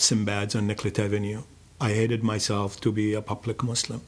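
An older man recalls his own life in a low, unhurried voice. He speaks very slowly and reflectively, stopping often between phrases as he tells his story. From Iraq. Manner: slow, measured, reflective with many pauses. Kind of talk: personal storytelling.

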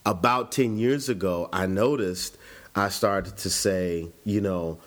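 Speaking slowly in a deep voice, a man from Chicago in his forties looks back on his life during an interview. His telling is reflective and conversational, with frequent restarts.

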